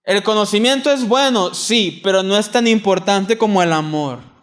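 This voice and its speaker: A young adult man with a Mexican accent preaching a sermon in a church, earnest, moving from loud emphatic reading to soft quiet asides. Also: sits high, normal speed. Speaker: pastor.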